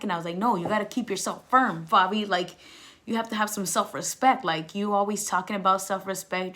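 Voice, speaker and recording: A young woman vlogger with a mid-range, fairly bright voice tells a personal story. Her speech is casual, candid and slangy, with swearing, and she acts out past conversations along the way.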